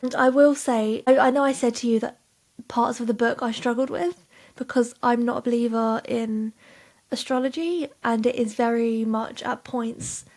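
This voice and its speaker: Chatty woman with a slightly high voice. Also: steady tone, normal speed, a little mellow. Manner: chatty, recaps plots at length. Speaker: podcast co-host. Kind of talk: casual chat about books.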